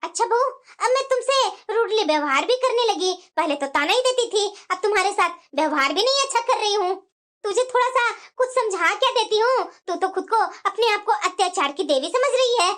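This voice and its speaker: A woman voicing a sharp-tongued, bossy mother-in-law in a cartoon, speaking in a mocking, scolding tone. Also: extremely high pitch, expressive, brisk. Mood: taunting. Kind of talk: cartoon voice acting.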